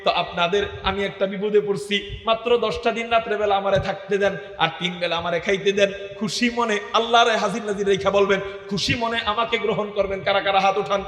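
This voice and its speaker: Impassioned high-pitched preacher, echoing loudly. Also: male voice, steady tone, a little fast, hardly any pauses. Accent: Bangladeshi Bengali. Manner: impassioned, shouting, asks the crowd rhetorical questions; sometimes chants Arabic verses in a sung tone. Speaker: Islamic preacher. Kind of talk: waz sermon to a crowd. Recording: echoey PA sound with long reverb.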